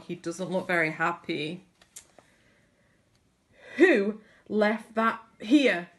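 A woman reads a picture book aloud to children. Her pace is very slow and unhurried, and she adds chatty little comments between the lines. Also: medium pitch. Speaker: storybook reader.

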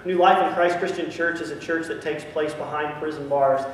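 A man's voice: fairly high pitch, steady tone, moderate pace, a little hiss or hum. A middle-aged male pastor preaching a sermon, earnest and grateful, with many restarts and ums. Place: large church sanctuary. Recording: echoey sanctuary from a distance.

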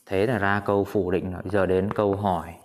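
Man, low voice, English grammar teacher, patient, repeats examples slowly, asks students questions. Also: level tone. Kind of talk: whiteboard grammar lesson.

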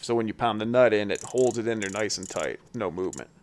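A man's voice: lowish voice, quick pace. A man hosting his carving channel, talking through a do-it-yourself build step by step in a casual, folksy voice-over. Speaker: chainsaw carver, channel host. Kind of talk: how-to voice-over.

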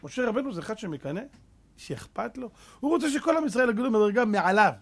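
A man's voice: sits high, lively intonation, creaky. A man preaching a Torah sermon as a rabbi, fervent and full of rhetorical questions, mixing street slang with scripture.

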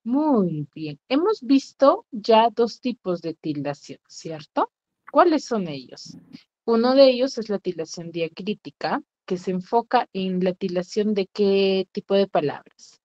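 A woman's voice: mid-range voice, lively intonation, a little slow, warm tone, no room sound. Woman teacher, online class, patient and questioning, dull lo-fi call audio, dry. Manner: patient, repeats questions to students. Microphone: video call.

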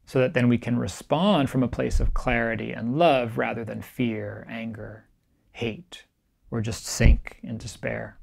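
A middle-aged meditation teacher with a mid-range male pitch and a heavily gravelly voice gives a recorded keynote, calm and reflective, gently pressing his points at an unhurried pace. He faces a chest-height camera in a small, bright room.

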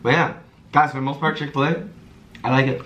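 A man's voice: mid-range voice, little pitch movement, a little fast, fairly bright tone. A young man from Canada co-hosting a casual food review vlog, laid-back and joking, laughing often. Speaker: vlog co-host. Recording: echoey room, mic at a distance, faint noise.

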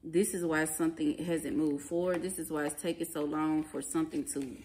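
Low, brisk and a little mellow, with fairly even intonation, a woman reads tarot informally using blunt, emphatic slang and swear words. She's at a table in a small indoor living room; the home recording is clearly noisy and picks up card clicks.

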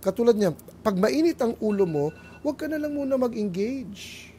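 A middle-aged Filipino man delivers a family talk with a lively, swinging pitch. He tells stories, acts out little voices and drops in English phrases. Faint noise hums behind him. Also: normal speed. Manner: animated storytelling, acting out voices, mixing English phrases. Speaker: lay preacher.

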